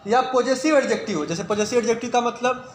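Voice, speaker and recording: A male grammar teacher with an Indian English accent, dictating slowly and repeating words for students in a video lesson. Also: very high-pitched. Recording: echoey room with faint ambient noise.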